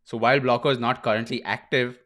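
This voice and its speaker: A man's voice: medium pitch, steady tone, fast talker, a bit bright. A young man hosting a casual livestream, chatting loosely, laughing often and saying bro and dude a lot. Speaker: streamer host.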